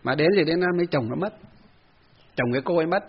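Brief: a Buddhist monk giving a storytelling dharma talk, high husky voice on a muffled recording. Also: male voice, fast. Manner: storytelling, conversational, acts out quotes.

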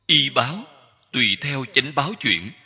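Husky, bright-voiced man preaching in a hall. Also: mid-range voice, lively intonation. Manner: slow, measured phrasing in short repeated clauses. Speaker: Buddhist teacher. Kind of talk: Buddhist dharma talk. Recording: long hall reverb.

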